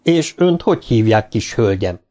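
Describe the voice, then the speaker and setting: A man voicing a burly, swaggering spaceship sailor in an audiobook, gruff and mocking. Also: fairly low pitch, very animated, mellow.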